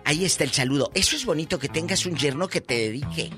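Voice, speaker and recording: A man's voice: a little high, animated, quick pace, soft background music. Flamboyant Mexican man hosting radio. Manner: flamboyant and playful, loud theatrical voice. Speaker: radio show host. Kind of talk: casual radio chat.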